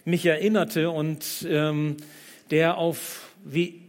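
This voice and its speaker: A male preacher giving a sermon, reading a humorous text aloud slowly and deliberately. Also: on the high side, steady tone.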